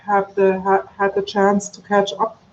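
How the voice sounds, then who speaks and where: A woman whose first language is German, co-hosting a casual stream chat, talkative and quick to correct herself. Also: medium pitch, completely flat delivery, a little hiss or hum. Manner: chatty, apologetic, self-correcting. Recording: slightly dull video call audio.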